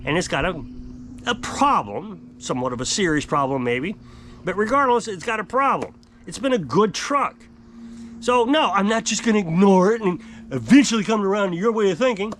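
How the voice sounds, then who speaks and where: On an outdoor covered porch by the woods, an off-grid homestead vlogger in his fifties rants to camera in frustration, exasperated and emphatic and gesturing widely. His high voice is a bit bright with lively intonation at normal speed, and there's a little hiss or hum.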